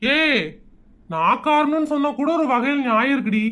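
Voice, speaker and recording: Cartoon comedy: performer as a harried father, voice pitched fairly high, blustering and grumbling. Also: moderate pace, a bit bright. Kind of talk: Tamil cartoon comedy dub.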